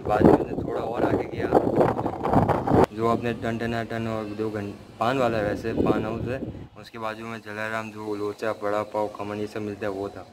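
Young indian guy vlogging outside, low flat voice, mixes in english, loud wind on mic. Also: normal speed. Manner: rambling, self-critical, mixing English into Hindi. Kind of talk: casual vlog chat. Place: outdoors by a road, wind blowing. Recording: loud wind and street noise.

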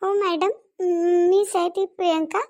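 A woman with a Varhadi Marathi accent voicing a headstrong newly married young woman who speaks haltingly. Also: very high voice, fairly even intonation, creaky. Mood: hesitant. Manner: hesitant, halting.

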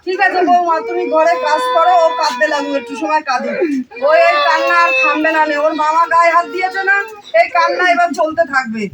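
A woman acting a grandmother in a homemade comedy skit, pleading with a crying grandson and complaining loudly. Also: extremely high pitch, steady tone, brisk. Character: fussing grandmother of a crying boy. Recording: loud background noise.

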